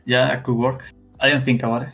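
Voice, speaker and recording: Young Spanish-accented man, halting. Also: mid-range voice, flat delivery, gravelly, a bit bright, soft background music. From Spain. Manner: halting, many restarts and fillers. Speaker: esports player guest. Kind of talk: casual interview.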